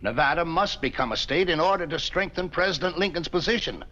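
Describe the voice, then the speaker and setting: An actor playing a dignified territorial governor who speaks in a formal, oratorical manner. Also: male voice, on the high side, expressive, a little fast, pushed and bright. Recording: dull 1950s TV soundtrack.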